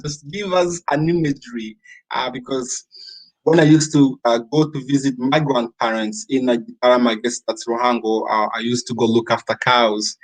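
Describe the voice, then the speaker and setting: A man hosting an interview, asking questions slowly with frequent fillers. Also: medium pitch, low-quality recording. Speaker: interview host.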